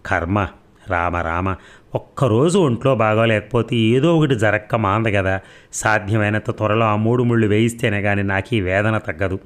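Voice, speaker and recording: A man's voice: lowish voice, normal speed, close to an everyday voice. A man reading a novel aloud, voicing an ailing, exasperated mother who scolds her daughter. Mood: scolding. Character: stern ailing middle-aged mother, scolding.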